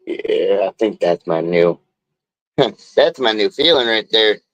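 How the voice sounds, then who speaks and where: A man's voice: on the low side, animated, slow, a bit bright, no room sound, lo-fi sound. A man streaming casually as he draws, talking in a laid-back, drawling, slangy way into a phone. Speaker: live streamer and tattoo artist. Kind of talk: casual chat while drawing.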